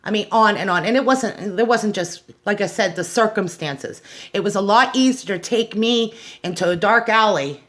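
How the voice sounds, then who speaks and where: With medium pitch, a fairly bright tone and normal speed, this American woman speaks off the cuff in a personal, testimonial monologue for her awareness show. She comes across as outspoken and aggrieved, driving points home emphatically by repeating phrases.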